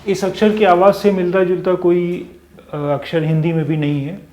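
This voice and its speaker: A man teaching a language lesson, patiently repeating sounds and syllables, with many pauses and fillers. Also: high-pitched, little pitch movement, dark tone. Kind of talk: slow spoken language lesson. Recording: echoey room.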